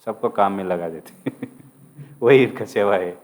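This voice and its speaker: A man's voice: lowish voice, takes it slowly, darkish tone. A man giving a sermon as a casual story, acting out the lines of its figures and mixing English words into his speech. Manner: mixes English words into Hindi. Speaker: preacher telling a devotional story.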